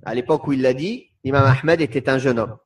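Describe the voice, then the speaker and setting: A man teaching a religious lesson, slowly and with emphasis, who repeats quotations and asks his listeners questions. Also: mid-range voice, slightly rough. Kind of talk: religious lecture.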